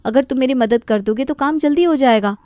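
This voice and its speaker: A woman's voice: high-pitched, fairly quick, warm tone, no echo, studio quality, voice pushed up, lightly acted. A woman voicing a patient young daughter-in-law in a cartoon story, pleading and firm by turns. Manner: pleading, then firm and resolved.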